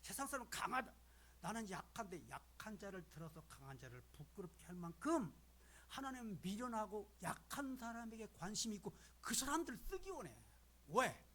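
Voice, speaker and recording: A man in his seventies, a retired pastor, preaching in a folksy, animated way that sometimes drops to a hush. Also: high voice, slightly rough. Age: 70s. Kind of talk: sermon. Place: church sanctuary.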